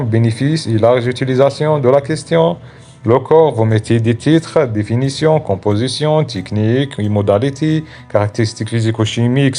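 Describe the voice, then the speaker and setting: Low-voiced man teaching haltingly. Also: dark tone. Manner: halting, repeats words while searching for phrasing. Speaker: online exam-prep teacher. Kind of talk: informal instructional talk.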